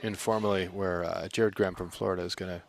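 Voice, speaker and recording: A man's voice: low voice, fairly even intonation, fast, gravelly. A man doing live sports commentary as a tournament announcer, mixing casual remarks with score calls.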